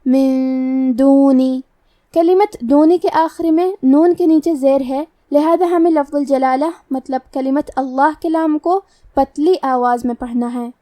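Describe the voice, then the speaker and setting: Woman, recitation teacher, methodical, mellow tone, dry room. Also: high-pitched, no echo, distant mic. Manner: patient, methodical explaining. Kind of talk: tajweed lesson explaining rules.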